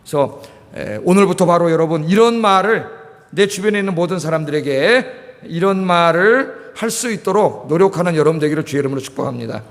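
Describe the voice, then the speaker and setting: This Korean pastor, middle-aged, speaks from the sanctuary with a fairly high pitch, lively intonation and a fairly quick pace. Questions to the congregation and repeated key words run through his sermon, which echoes around the church hall.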